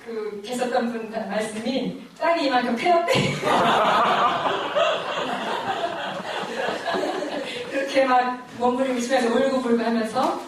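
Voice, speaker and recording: A middle-aged woman giving a personal faith testimony at a church lecture, telling her story in an animated, emotional way and laughing often. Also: fairly high pitch, slow, very echoey, distant mic, heavy background noise.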